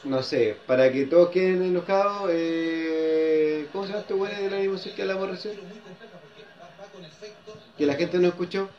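A Chilean man co-hosting a podcast, excitable and quick to cut in, using crude slang. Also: high-pitched, dull audio. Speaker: podcast co-host, school teacher. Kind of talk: casual chat.

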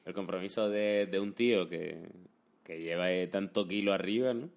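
Man, lowish voice, informal conversation, colloquial, frequent tag questions. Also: normal speed, gravelly. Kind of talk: casual chat, anecdotes.

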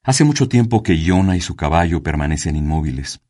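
A man reading a story aloud as narrator, measured and unhurried. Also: deep voice, lively intonation, warm tone. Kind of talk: scripted narration.

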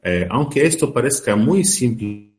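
A middle-aged man speaking as a non-native with a foreign accent, giving an informal lecture haltingly, often searching for words. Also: medium pitch, expressive. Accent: foreign, non-native Spanish. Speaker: guest speaker, spiritual healer.

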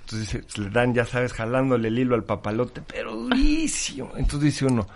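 A Mexican man telling jokes among friends, storytelling in a lively way and voicing the characters. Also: medium pitch, a little fast, creaky. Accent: Mexican Spanish. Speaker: joke teller.

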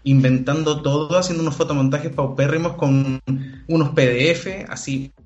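A young Chilean man hosts a podcast with playful, casual talk. His voice sits somewhat high, and the recording is a bit dull and lo-fi. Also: steady tone, moderate pace, a little mellow, echoey room, faint music behind. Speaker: podcast host. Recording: dull lo-fi audio.

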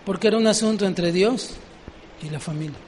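A man's voice: high-pitched, a little fast, darkish tone, long reverb tail, slight background noise. A man preaching a sermon, often asking the congregation questions.

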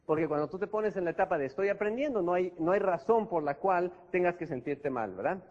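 High-voiced man coaching a hall. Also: expressive, fairly quick, darkish tone. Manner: conversational, constant tag questions, acts out examples. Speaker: network marketing trainer. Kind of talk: motivational seminar talk. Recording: echoey hall, dull lo-fi sound.

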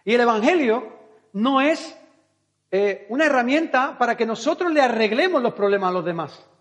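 A man's voice: very high-pitched, expressive, normal speed, a bit bright. A male pastor with a Spain Spanish accent preaching a fervent sermon at a church service, full of rhetorical questions.

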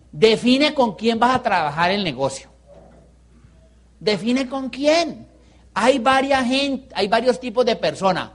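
A man with a Colombian accent giving a motivational business seminar, playful and peppering the audience with rhetorical questions. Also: high-pitched. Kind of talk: live motivational seminar talk.

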